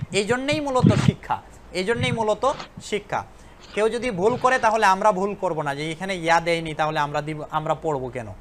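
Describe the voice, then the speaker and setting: A man teaching an Arabic lesson online, who reads dialogue lines slowly, then translates and explains them and checks with his students. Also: sits high, a bit bright, slight background noise. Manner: addresses students directly and checks understanding.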